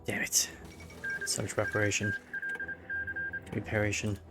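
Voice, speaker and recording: A man's voice: fairly low pitch, monotone, measured pace, over loud music. A man giving casual live-stream commentary while playing a strategy game, musing and thinking aloud. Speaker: gaming streamer.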